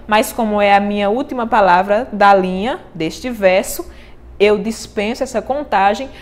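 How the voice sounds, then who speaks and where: A woman with a Brazilian Portuguese accent gives a lesson on composing verse. She has a middle-pitched voice and moves through each rule patiently, one step at a time. She keeps turning to her listener with quick questions to check they are following. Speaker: cordel poet and teacher. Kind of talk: explanatory lesson on writing verse.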